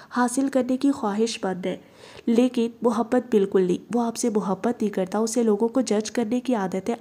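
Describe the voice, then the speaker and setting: Woman reading as a calm earnest young man. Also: a little high, lightly acted.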